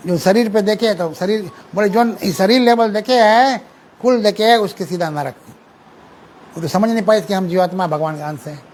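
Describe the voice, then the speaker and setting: A man delivers a scripture sermon in with a high, light voice. He explains patiently and breaks into recited Sanskrit verses. A faint background hiss runs under his words. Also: poor audio. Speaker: preacher lecturing on scripture.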